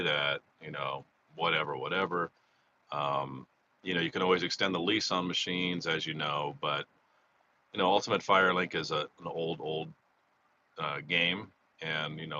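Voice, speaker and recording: His voice sits low with a bright, forceful tone as he rambles through a casual live stream outdoors beside a freeway. He's a slot vlogger recapping the month while recovering from a cold, chatty and prone to restarts. Faint freeway noise runs through a slightly dull recording.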